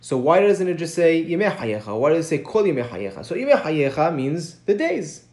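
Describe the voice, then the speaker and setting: Man, study lesson teacher, slightly high voice, explanatory, emphatic rises, keeps asking "right?". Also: big pitch swings, darkish tone. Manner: explanatory, rising emphasis on key points, frequent "right?"; chants source text quickly. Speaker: Mishnah teacher.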